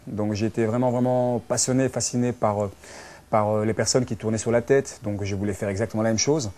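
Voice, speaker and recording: A Belgian man in his early thirties, a dance teacher and social worker, tells his own story in French with a Belgian accent during an interview in a small furnished indoor lounge. He speaks conversationally and fairly quickly, often restarting with filler words, in a warm, fairly low voice with fairly even intonation.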